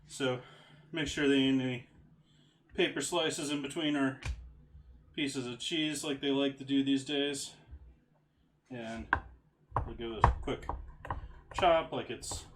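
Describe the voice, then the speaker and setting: Relaxed man chatting while cooking. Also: medium pitch, a little hiss or hum. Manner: relaxed, rambling, folksy. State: hiccups. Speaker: cooking streamer. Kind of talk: casual live cooking chat.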